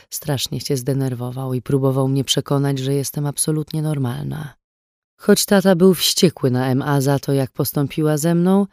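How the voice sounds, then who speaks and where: A woman reading a first-person audiobook in a calm, even storytelling voice, quieter in grim passages. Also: low-pitched, no room sound, studio quality. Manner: calm, even storytelling, hushed on dark moments. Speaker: audiobook narrator.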